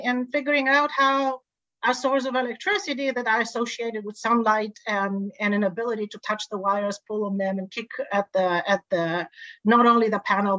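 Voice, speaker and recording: A woman from Bulgaria, a guest on a podcast, telling her story with animated energy and frequent laughs over a video call. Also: medium pitch, no room sound. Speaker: guest, energy board chair. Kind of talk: interview conversation. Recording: dull dry video call audio.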